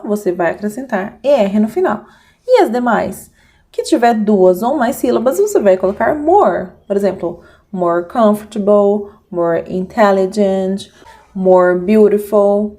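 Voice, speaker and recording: A young woman teaches English grammar straight to her viewers. She slows down to spell out rules and model short example phrases, then picks the pace back up. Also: mid-range voice, darkish tone.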